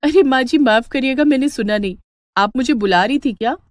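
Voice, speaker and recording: Female narrator playing a vain young daughter-in-law in a cartoon, high, whiny, shrill. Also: fairly quick, no room sound, clean studio sound, lightly acted.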